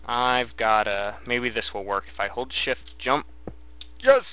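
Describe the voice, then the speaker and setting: Man, phone-like narrow-band sound, slow pace, medium pitch, casual gaming commentary, halting, thinking aloud. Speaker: gamer narrating a let's play.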